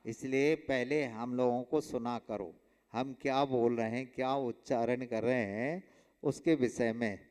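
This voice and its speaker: Slow, resonant monk teaching in a hall. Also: male voice, medium pitch, steady tone, a little mellow, clean tone. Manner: slow, emphatic, drills pronunciation with repeated examples and questions to students. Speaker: Jain monk teaching a religious class. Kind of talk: explanatory religious lesson. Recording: long hall reverb.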